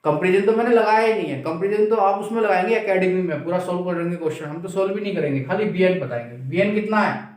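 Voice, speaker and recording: A man lectures a maths class in a high, fast voice. He puts questions to the class, answers them himself, and repeats the key steps. The room is very echoey, with the mic far off.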